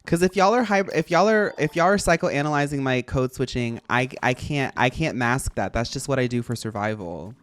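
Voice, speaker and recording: A game streamer chatting casually, with an animated, expressive delivery and sassy, girly-pop slang. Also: medium pitch, normal speed, few pauses, dry recording. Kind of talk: casual chat while livestreaming a game.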